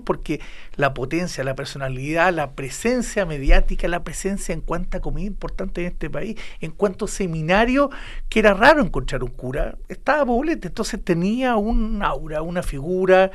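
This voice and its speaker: A Chilean man discussing current affairs in a casual panel chat, often repeating words as he searches for them. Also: fairly high pitch. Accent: Chilean Spanish. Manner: hesitant, repeats words while thinking.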